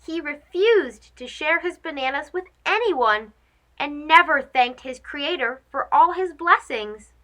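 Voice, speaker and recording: This woman's voice sits high and moves at a measured pace as she hosts a read-aloud for kids. Her storybook narration is lively and expressive, and she addresses the young children directly.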